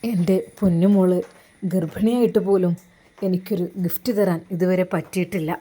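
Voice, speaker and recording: A soft-spoken young husband, earnest and heavy-hearted, pitched well down into a low, hushed register, as a woman puts him on for a spoken storybook. He talks quietly and close, with a tender, worried warmth. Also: fairly even intonation, moderate pace, close to an everyday voice.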